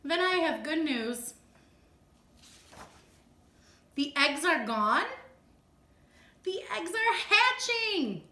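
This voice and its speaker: A woman's voice: very high-pitched, big pitch swings, slow pace, pushed and bright, roomy sound, voice pushed up, heavily acted. A woman voicing a cheerful young pig who answers plainly and matter-of-factly.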